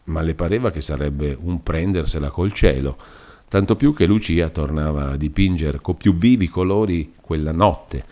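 A man reading a classic novel aloud as an audiobook narrator, with expressive, measured storytelling. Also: rumbling low.

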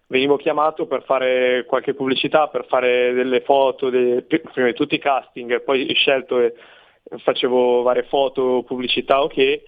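Young man on a tinny phone line. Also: medium pitch. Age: late teens. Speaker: fashion model, interview guest. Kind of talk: casual interview answers. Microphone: phone call.

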